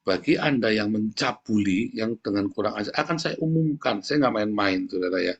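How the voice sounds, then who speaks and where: Blunt male pastor, slightly husky tone, scolding sermon delivery. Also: fairly low pitch, normal speed, dull audio. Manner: blunt, scolding, repeatedly addresses listeners as brothers. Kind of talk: blunt sermon to an online congregation.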